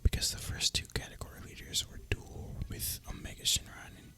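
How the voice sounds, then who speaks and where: A man, a video creator and gamer, whispers close to the microphone in a breathy, unvoiced way, rambling casually and reflectively in a relaxed gaming ASMR style. He talks a little fast.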